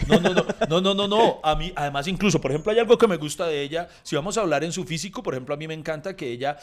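A man, co-hosting a podcast in casual chat, playful and quick to laugh. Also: on the high side. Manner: playful, laughs a lot, self-correcting. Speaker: podcast host.

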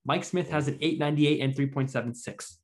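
A man's voice: fairly high pitch, brisk. Brief: male podcast host, talkative, casual, stat-heavy delivery. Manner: chatty, reads out stats and quotes. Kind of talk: casual sports chat.

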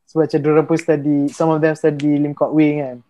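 A man's voice: a little high, level tone, fast, warm tone, lo-fi sound. A young Malaysian man chatting casually as a musician guest, mixing Malay and English slang. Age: young adult. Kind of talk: casual chat.

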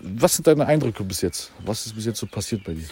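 A fast-talking man hosts a casual chat. His slangy delivery swings up and down in pitch, with clear noise and ambience behind him. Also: lively intonation, dark tone. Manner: slangy, street-style talk. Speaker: podcast host.

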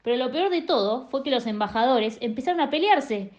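A woman reading a children's story aloud in a lively, expressive way. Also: high voice, fairly quick. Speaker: reader.

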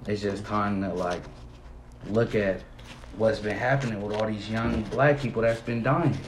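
Man, podcast guest, low monotone voice, earnest slangy talk, echoey room with faint hiss. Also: unhurried. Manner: earnest slangy talk, asks "you feel me". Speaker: podcast guest and fellow host. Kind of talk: casual podcast chat.

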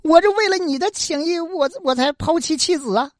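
A woman's voice: extremely high pitch, a little fast, dry recording, clean studio sound, pitched above the performer's own voice. A woman voicing a fickle young scholar. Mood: pleading. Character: young male scholar, fickle and self-serving.

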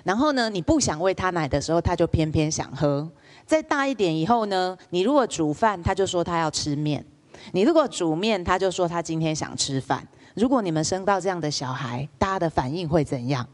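A woman's voice: on the low side, fairly quick. A woman lecturer, telling stories in a public lecture and asking the audience questions. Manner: lively storyteller, asks the audience rhetorical questions.

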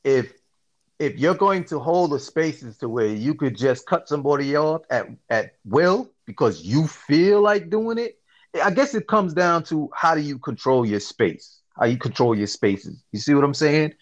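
Podcast guy rambling slangy and animated, kinda high voice, muffled lo-fi audio. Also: unhurried. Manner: animated storytelling, slangy, frequent "you see what I'm saying". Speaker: podcast host. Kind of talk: casual chat.

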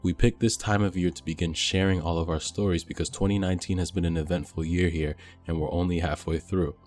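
A man hosting a podcast, opening the show in a smooth announcer manner. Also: sits low, little pitch movement, a little fast, a little mellow, faint music behind. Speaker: podcast host.

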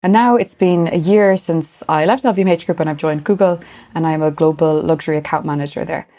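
A woman's voice: low voice, brisk, mellow. A woman from Galway with a west of Ireland accent, speaking conversationally as an interview guest. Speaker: podcast guest, luxury marketing professional.

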